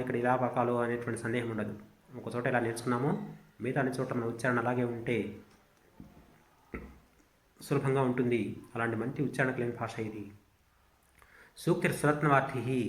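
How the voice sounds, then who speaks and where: A man's voice of middle pitch, heard in a roomy, echoing space. He teaches Sanskrit in a measured lecture. He recites each verse line slowly, then explains it at length.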